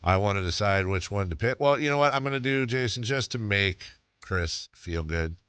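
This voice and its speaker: A man's voice: fairly low pitch, lively intonation, normal speed, a bit bright, smooth, dry recording. A man hosting sports radio with casual, bantering talk, close on a studio mic. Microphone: close studio microphone.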